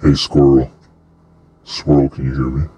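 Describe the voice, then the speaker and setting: A man using a voice changer pitched very deep, calling as a menacing devil with slow, insistent threats. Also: level tone, warm tone. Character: menacing devil offering a soul deal. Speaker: prank caller. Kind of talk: prank call over game voice chat.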